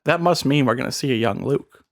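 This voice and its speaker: Gravelly-voiced man hosting a podcast. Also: medium pitch, animated, a little fast, no room sound. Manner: leads the segments, dry teasing. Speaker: podcast host. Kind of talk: casual chat.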